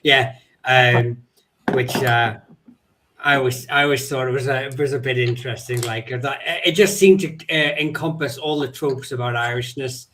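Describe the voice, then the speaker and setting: Man, wry casual chat, middle pitch. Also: fairly even intonation, moderate pace, a bit bright, a little hiss or hum. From Ulster. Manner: wry, laughs at own jokes. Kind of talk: casual conversation.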